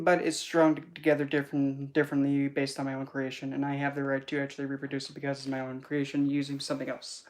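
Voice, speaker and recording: A speaker giving a casual esoteric teaching talk as a spiritual teacher, in a rambling, animated, chatty way. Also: mid-range voice.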